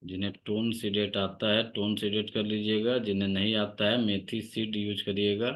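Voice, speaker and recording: Male acupressure teacher, low voice, measured dictation for students taking notes. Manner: dictates point names slowly, steady instructive tone. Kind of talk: online class lecture.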